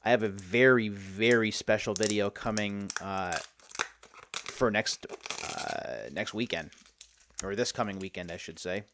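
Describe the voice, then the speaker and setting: A man's voice: lowish voice, unhurried, a bit bright, a little hiss or hum. A man hosting a video, giving casual, chatty unboxing commentary and thinking aloud as he goes. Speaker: host of a game unboxing video series.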